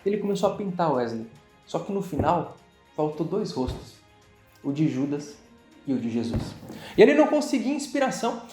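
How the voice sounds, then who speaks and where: Animated Brazilian man in an echoey room. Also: fairly high pitch, moderate pace. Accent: Brazilian Portuguese. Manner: animated, dramatic retelling that acts out other people's lines. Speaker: interview guest, business owner. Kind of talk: motivational storytelling in an interview. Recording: echoey room with faint music.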